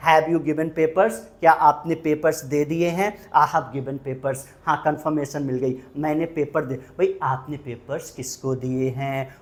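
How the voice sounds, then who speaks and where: A male teacher with an Indian accent gives an English grammar lesson. He is emphatic and drills key words over and over. His voice keeps jumping up to stress a point and then dropping back down. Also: a little high. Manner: emphatic, repeats key words, quizzes the listener.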